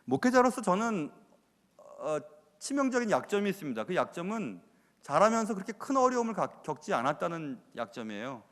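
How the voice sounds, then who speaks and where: Brief: male pastor, fairly high voice, conversational sermon, long church reverb. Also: sing-song, brisk, a bit bright. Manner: conversational, confessional preaching with rhetorical questions. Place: church sanctuary.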